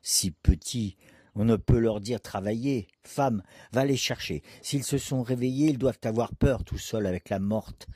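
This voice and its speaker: A man reading the part of a poor, rough, good-hearted fisherman in a dramatic poetry reading, in a gruff, earnest way. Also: medium pitch, unhurried, mellow, dry recording, studio quality, pitched above the performer's own voice.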